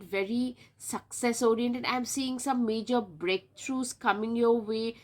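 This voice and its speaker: A woman with a stuffy nose from a cold, chatting casually to camera as she gives a tarot reading, with lots of fillers and repeated words. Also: a little high. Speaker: tarot reader.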